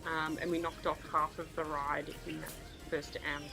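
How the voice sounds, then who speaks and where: A man's voice: fairly high pitch, level tone, moderate pace, creaky. A man chatting casually about cycling as a co-commentator on a livestream. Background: music.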